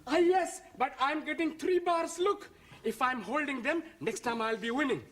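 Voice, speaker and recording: A fretful student gambler. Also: male voice, very high voice, moderate pace, fairly bright tone, slight background noise. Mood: fretting. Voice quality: broken English, fretful exclamations. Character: anxious male student gambler. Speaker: adult student at a pub. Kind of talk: 1970s studio sitcom acting.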